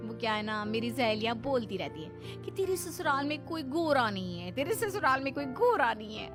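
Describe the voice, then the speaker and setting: Woman putting on a snooty young wife, high and shrill, sneers a lot, soft music under it. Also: very animated, normal speed. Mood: mocking. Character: haughty, mocking young wife, vain about her looks.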